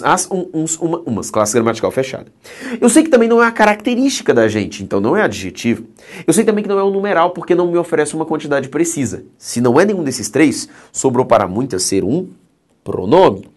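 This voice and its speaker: A man with a Brazilian Portuguese accent teaching grammar in a recorded exam-prep lecture, speaking emphatically and often checking in with "ok?". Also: a little high.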